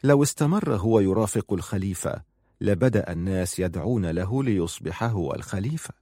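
Brief: male narrator playing a cautious ruler, low and quiet, measured, close dry mic. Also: lively intonation, no echo. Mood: guarded. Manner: quiet, measured, hushed delivery. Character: wary male ruler, soft-spoken and shaken.

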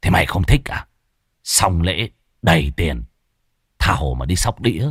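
A man voicing an old male sorcerer who speaks in a low, slow, gruff drawl. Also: lively intonation, a bit bright, dry recording, clean studio sound, full character voice.

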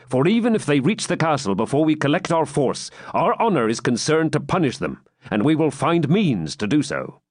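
An actor reading the part of a brisk male outlaw leader giving firm orders in an audiobook. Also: mid-range voice, no room sound, studio quality, voice pushed up.

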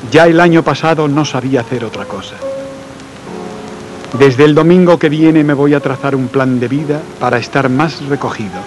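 Soft-spoken man reading devotional letters. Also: mid-range voice, moderate pace, poor audio. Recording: faint music and rain behind.

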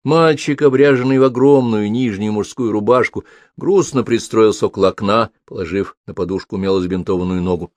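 A man narrating a children's story as an audiobook reader, in a measured storytelling manner. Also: fairly low pitch, darkish tone, dry recording. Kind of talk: scripted narration.

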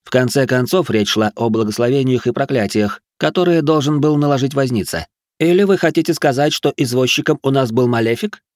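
A man's voice: mid-range voice, expressive, a little fast, darkish tone, no room sound, clean studio sound, pitched above the performer's own voice, close to an everyday voice. A man voicing a stubborn young aristocratic ex-soldier who argues in a raised, indignant tone. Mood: argumentative.

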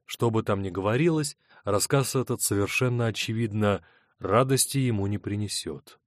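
A man narrating an audiobook in a steady, measured reading. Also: lowish voice, no echo, clean studio sound. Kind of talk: scripted narration.

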